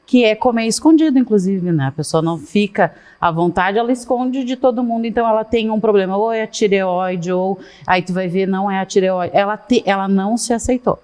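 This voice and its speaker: Middle aged woman, guest on a chat show, lively and goes on with lots of asides. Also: mid-range voice, fairly quick, few pauses. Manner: animated, talks at length with many asides. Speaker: guest, fashion consultant. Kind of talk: casual interview chat.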